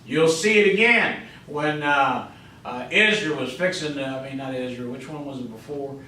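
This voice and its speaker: A male pastor preaching a sermon, swinging between loud emphatic calls and quiet asides, often saying "you know" and "amen". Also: medium pitch, moderate pace, slight background noise. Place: church sanctuary. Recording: echoey church, mic at a distance.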